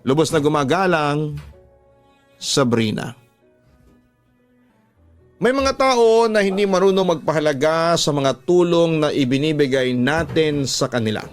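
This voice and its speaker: With a Filipino accent and a slightly high voice, a man hosts a radio drama, narrating listener letters and reflecting on them like a storyteller. His intonation is lively, his pace measured, and he leaves long pauses while music plays behind him.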